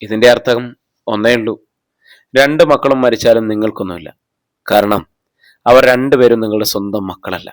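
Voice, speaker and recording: A man's voice: fairly low pitch, normal speed, long pauses, no room sound, close to an everyday voice. A man reading as a blunt, matter-of-fact police officer. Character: blunt male police officer, assistant investigator.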